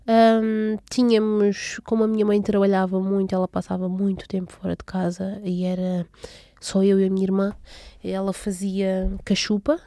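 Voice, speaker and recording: A young woman from São Tomé with a mellow, warm tone tells her story in an interview. She pauses often with fillers and restarts. The recording is dry and close. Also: mid-range voice, monotone, no room sound. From São Tomé and Príncipe. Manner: hesitant, many fillers and restarts. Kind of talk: casual personal recollection.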